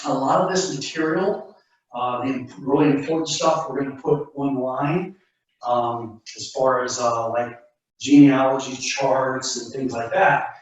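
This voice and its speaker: A man explaining karate to a class as the instructor, informal and instructive, often checking in with short questions. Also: medium pitch. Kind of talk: casual spoken explanation to a class. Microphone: distant camera microphone. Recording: very echoey room, distant mic, dull sound.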